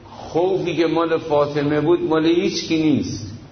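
A man's voice: fairly high pitch, fairly even intonation, a little hiss or hum. A man preaching a mourning sermon to a congregation, speaking to them directly and drifting into a chanted lament. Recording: echoey dull recording in a large hall.

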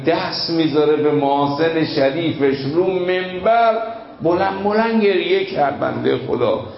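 Man preaching a heartfelt sermon. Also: on the high side. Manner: emotional storytelling with dramatic pauses and sudden rises. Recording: echoey room, dull lo-fi sound, faint noise.

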